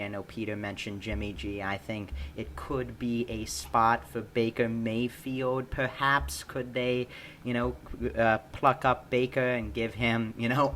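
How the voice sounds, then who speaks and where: A man's voice: medium pitch, fairly bright tone, slight background noise. A man co-hosting a casual sports podcast, stammering and repeating words as he talks.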